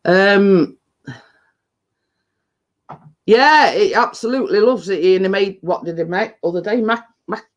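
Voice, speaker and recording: A man's voice: high voice, a little slow, long pauses. A man with a Yorkshire accent, chesty and bunged up with a cold, chatting casually and ramblingly to live viewers. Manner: rambling, dialect-heavy. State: getting over a cold and chest infection. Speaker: livestream host.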